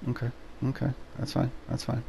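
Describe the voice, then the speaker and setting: A young man commenting on a game with a friend, swearing often and calling out tactics with excitement. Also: mid-range voice, a little fast, creaky, a little hiss or hum. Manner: profane, excitable tactical callouts. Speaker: gamer streaming with a friend. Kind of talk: casual gaming commentary.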